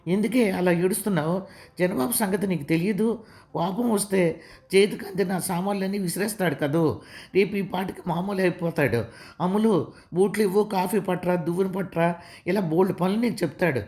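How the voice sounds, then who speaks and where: Give me a woman playing a worried middle-aged mother, anxious and mellow. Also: fairly low pitch, fairly quick, close to an everyday voice. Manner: anxious, fretting.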